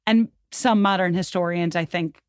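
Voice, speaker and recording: This is a female podcast guest whose voice sits on the low side and moves at normal speed, captured in a dry recording with clean studio sound. She narrates history conversationally and informally, using plenty of fillers.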